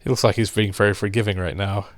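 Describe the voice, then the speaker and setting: A man's voice: fairly low pitch, steady tone, fast, no room sound. A man giving casual, engaged, exclamatory commentary as a reaction video host.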